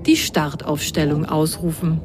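A woman's voice: deep voice, a little slow, over music. Woman reading a children's story. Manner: lively, expressive storytelling. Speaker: narrator.

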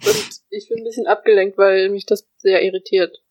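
A young woman co-hosting a podcast in relaxed chat. She delivers short, dry remarks in a laconic way. Her voice has an average pitch for a woman. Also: moderate pace, poor audio. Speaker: podcast co-host. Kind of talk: casual chat.

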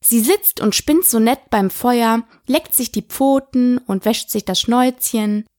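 A woman's voice: fairly high pitch, unhurried, darkish tone, no echo, studio quality, natural voice. Eager chatty little girl, as a woman voices her. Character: polite, curious young girl, chattering eagerly.

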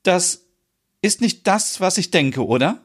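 A man narrates a story, taking on the role of an excitable, fussy woman who is boss of her own kitchen. His unhurried delivery is shrill, flustered and dramatic.

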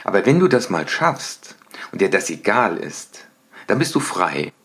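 A middle-aged man hosting a motivational podcast, talking lively and acting out little everyday scenes in changing voices. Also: fairly low pitch, measured pace. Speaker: podcast host and coach.

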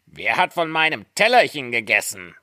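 A man voicing a group of little male dwarfs in a storybook reading, with a high squeaky voice. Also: very animated, moderate pace, pushed and bright, no echo, studio quality. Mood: puzzled.

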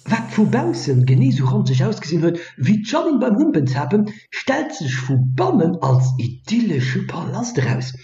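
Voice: medium pitch, warm tone, roomy sound. A storyteller narrating a scripted fantasy tale in a dramatised style.

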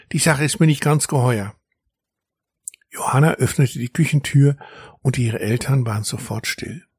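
A man reading a children's story aloud in an expressive storytelling manner. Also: medium pitch, breathy edge, dry recording, clean studio sound. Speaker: narrator.

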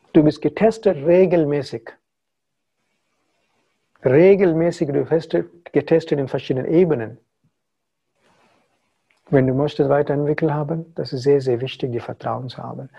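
A gravelly, somewhat high-pitched man from India, speaking German. He is a spiritual teacher giving a talk to his followers in broken German, slipping English phrases in. The tone is dark and the recording sounds dull and lo-fi. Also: moderate pace, pauses often. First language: not German.

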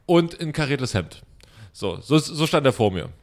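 A young man spins a long comic story in relaxed conversation. His voice sits in a middle register, and he swings between muttered asides and outbursts as he acts out what he thought. The telling stays loose and self-mocking throughout. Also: mid-range voice, normal speed. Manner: animated, self-mocking storyteller acting out his own inner voice. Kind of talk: casual storytelling chat.

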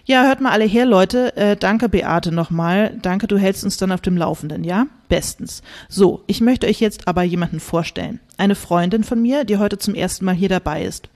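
A woman's voice: lowish voice, moderate pace, hardly any pauses, a little mellow, lightly acted. A woman reading from her novel, voicing a self-important man who leads a discussion group in a patronizing tone. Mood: hosting. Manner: patronizing, soothing.

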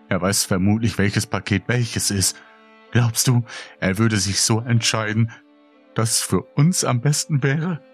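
A man's voice: lowish voice, pitched above the performer's own voice. A man voicing a frightened father who argues urgently with his wife.

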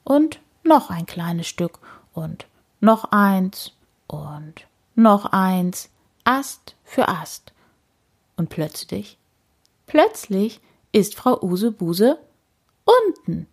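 A woman reading a children's story aloud, slow and expressive with deliberate repetition. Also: medium pitch, breathy edge.

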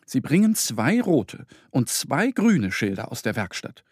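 A man reading a children's story aloud in an expressive, lively scripted narration. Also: medium pitch, a little slow, breathy edge, no echo, studio quality.

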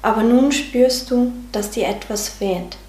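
A woman's voice: on the high side, measured pace, close to an everyday voice. A woman voicing a loving soul speaking from within. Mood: guiding. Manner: gentle, patient, guiding. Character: loving, reassuring inner voice of a soul. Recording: roomy sound with faint music.

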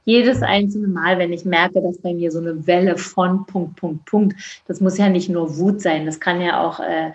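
A Georgia-raised midwife in her fifties speaks as an interview guest in a reflective conversation, earnest and thoughtful, with many restarts. Her voice is lowish and fairly even in intonation, unhurried with few pauses. The room is echoey and the recording muffled.

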